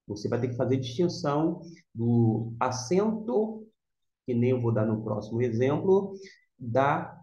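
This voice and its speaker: A man teaching a vocabulary lesson from slides, explaining slowly step by step and repeating key words. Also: mid-range voice, a little mellow. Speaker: Greek teacher. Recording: roomy, dull lo-fi sound.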